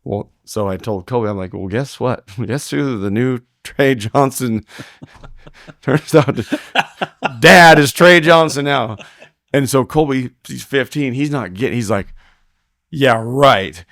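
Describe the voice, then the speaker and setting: Man, podcast guest, casual storytelling, acts out quotes, dry close sound, mid pitch. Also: measured pace, no echo. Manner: animated retelling, acting out quoted talk; frequent laughter, restarts. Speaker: podcast guest, rodeo heeler.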